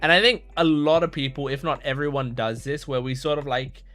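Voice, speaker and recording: Over quiet background music, this anime reaction channel host talks a little fast in a mid-range, slightly bright voice. He muses casually and earnestly, rambling along with plenty of "like" and frequent restarts.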